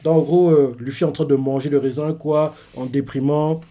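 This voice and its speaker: A man's voice: a little high, fairly even intonation, normal speed, dark tone. A man casually recapping a manga chapter live, with many fillers and restarts. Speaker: streamer reacting to a manga chapter.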